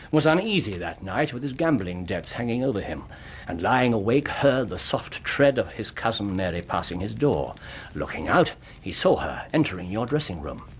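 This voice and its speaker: An English actor voices a confident, brilliant detective in a radio play, walking through his reasoning with precise, theatrical narration. He sounds assured and explanatory, with a medium-pitched, slightly rough voice.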